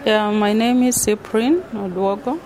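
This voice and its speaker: A middle-aged Kenyan woman with a Kenyan accent, answering interview questions thoughtfully as a university lecturer, with many pauses and fillers. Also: medium pitch, darkish tone, a little hiss or hum, poor audio.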